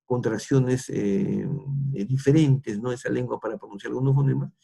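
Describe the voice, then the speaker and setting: A man's voice: mid-range voice, fairly even intonation, moderate pace, creaky, warm tone, breathy edge. A middle-aged man with a Peruvian accent, lecturing students and tagging nearly every phrase with a question, with frequent restarts. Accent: Peruvian Spanish. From Peru.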